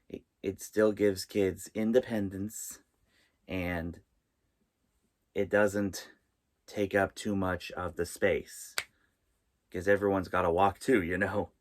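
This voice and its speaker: A man with a low voice hosts his own vlog inside a small trailer. He talks slowly and haltingly, often pausing partway through a sentence as he presents his list. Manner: halting, with pauses mid-sentence. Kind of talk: vlog presenting, tips and top-five countdown.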